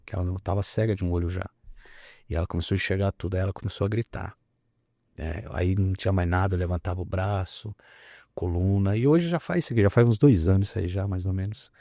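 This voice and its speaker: Lively, emphatic pastor, lowish voice. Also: male voice, quick pace, dry recording, studio quality. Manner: animated storytelling, emphatic. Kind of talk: testimony in a conversation.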